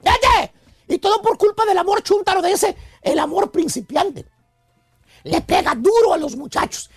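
A man voicing an excitable male love professor who lectures in a theatrical, slangy radio comedy monologue. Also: very high-pitched, moderate pace, vocal fry, soft background music. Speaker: radio comedy host character.

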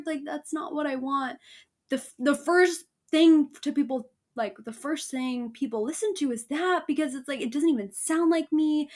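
A young woman hosting a faith podcast, talking casually with lots of fillers, restarts and laughs. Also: fairly high pitch. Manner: chatty, frequent fillers and restarts, laughs often. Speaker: podcast host.

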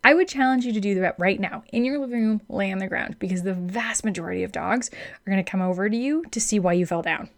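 A woman's voice: medium pitch, fast talker, creaky. A woman dog trainer explains things in a casual, instructional way. She is chatty and upbeat, and she stresses her main points firmly. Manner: chatty, upbeat, emphatic advice-giving.

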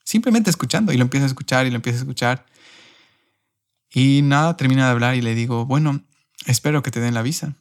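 A young man on a podcast, telling a personal story in an emotional, animated way. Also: medium pitch, quick pace. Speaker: podcast host.

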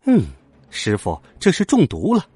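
A brash, boastful monkey king hero from a storybook, pitched high with lively swoops and husky grain, as a male narrator puts him on. He speaks in loud, cocky exclamations. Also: measured pace, no echo, exaggerated voice.

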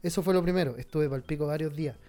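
A man's voice: a little high, fast talker, over music. A man with a Chilean accent telling a sad personal story in casual, slang-heavy chat. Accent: Chilean Spanish. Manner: slangy, somber storytelling, frequent swearing.

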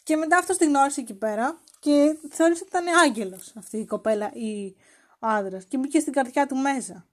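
Podcast host, woman, high bright-pitched voice, playful and teasing casual chat. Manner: playful and teasing, acts out quoted lines.

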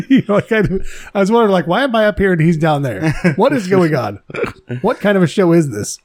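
A man's voice: high voice, very animated, brisk, darkish tone, dry recording, studio quality. A man co-hosting a casual comedy podcast, teasing his co-host and often laughing. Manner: teasing, laughing, stammering restarts. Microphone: podcast microphone.

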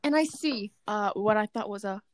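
A woman's voice: mid-range voice, moderate pace, no echo. A teenage girl in casual chat, giggly and playful, telling a school story. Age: teens. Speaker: friend.

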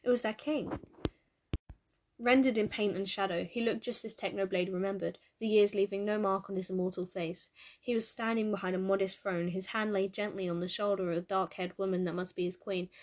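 A woman narrating a piece of fan fiction in a measured, expressive storytelling manner. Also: medium pitch.

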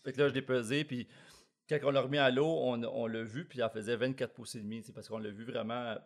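Fast-talking Québécois man telling stories. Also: medium pitch, fairly even intonation. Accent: Québécois French. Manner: fast storytelling, slangy, many restarts. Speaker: tournament bass angler. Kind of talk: casual chat.

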